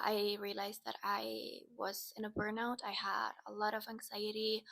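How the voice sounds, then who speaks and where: A woman, chatting casually to camera in a personal vlog. Her voice sits at a middling pitch with plenty of vocal fry, and her easy, unhurried delivery sometimes slips into soft, breathy asides. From Finland. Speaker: vlogger.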